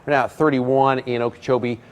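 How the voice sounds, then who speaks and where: A man's voice: mid-range voice, fairly even intonation, a little hiss or hum. American weather guy on live tv, medium voice, stop and start, lots of uhs while he explains the storm. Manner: hesitant, halting phrasing with many pauses. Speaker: TV meteorologist. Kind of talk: live ad-libbed weather commentary.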